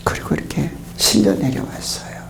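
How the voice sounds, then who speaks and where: A man preaching a revival sermon, telling his testimony with emotion and often dropping to a hushed whisper. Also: moderate pace. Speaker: pastor.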